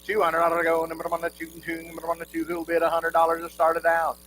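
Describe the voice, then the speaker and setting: A male auctioneer delivers a rhythmic bid-calling chant, looping numbers over and over with the odd folksy aside. His voice sits fairly high and stays within a narrow, steady range. It is a live recording with a clear hum behind him. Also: fast. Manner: repetitive rolling number patter, folksy asides to the crowd.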